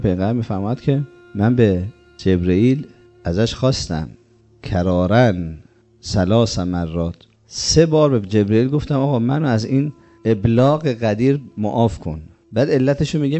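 A man's voice: lowish voice, dark tone. A man preaching a religious sermon, emphatic and rhetorical, acting out quoted speech.

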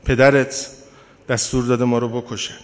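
A man's voice: medium pitch, little pitch movement, lightly acted. A man voicing two frightened, pious orphan boys who plead for their lives, in a tearful storytelling delivery. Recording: long hall reverb.

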